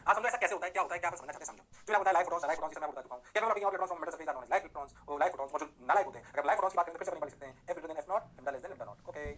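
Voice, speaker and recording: A man teaching physics in a classroom lecture, constantly checking whether his students follow and slowing down to dictate definitions in English. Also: on the high side, a bit bright. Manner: rhyming rapid-fire praise words.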